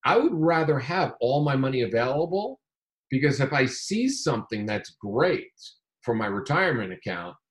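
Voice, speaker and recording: A man talking casually about his day trading, animated and rambling, with frequent restarts. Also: medium pitch, moderate pace. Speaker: day trader. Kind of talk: casual conversation.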